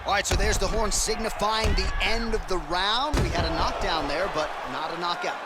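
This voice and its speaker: A man's voice: sits high, moderate pace. A man calling a fight as play-by-play commentator, describing the action and setting up his partner. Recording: very noisy arena ambience.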